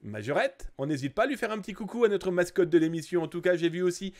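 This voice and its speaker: Brief: middle-aged man from France, stream host, jokey and teasing, lively swooping voice, a bit high. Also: fast talker. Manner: playful, jokey, greets viewers by name. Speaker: livestream host. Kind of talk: casual live stream chat.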